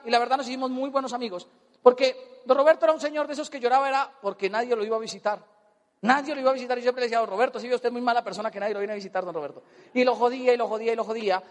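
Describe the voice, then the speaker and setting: A Colombian man telling a personal story as a motivational speaker, animated and comic, acting out voices. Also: very high voice, long reverb tail. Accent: Colombian Spanish. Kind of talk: storytelling talk on stage.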